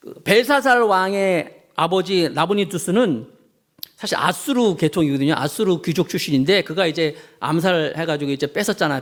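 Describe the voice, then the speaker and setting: A middle-aged male pastor giving a sermon, telling the story in an animated way and putting questions to the congregation. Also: sits high.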